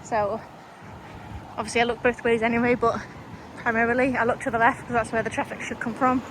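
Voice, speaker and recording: This woman from Liverpool, England, speaks with a soft Liverpool accent tinged with Lancashire in a chatty, rambling vlog full of fillers and little laughs. Her voice is a little high and level in tone, a little fast, with noisy background as she moves from a town street into a parked car.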